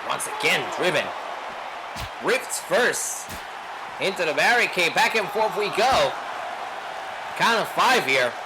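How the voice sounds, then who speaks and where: A man's voice: high-pitched, lively intonation, slow, long pauses. A man doing live pro wrestling play-by-play commentary in short clipped calls and dramatic rhetorical questions. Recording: noisy venue with loud crowd. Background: crowd noise.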